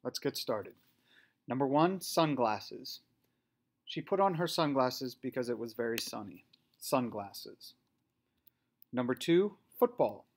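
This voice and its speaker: Slow-paced man dictating a spelling test. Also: medium pitch, a little mellow. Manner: deliberate, separated announcing of single words. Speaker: teacher reading a spelling test. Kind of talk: spelling test dictation, word then example sentence.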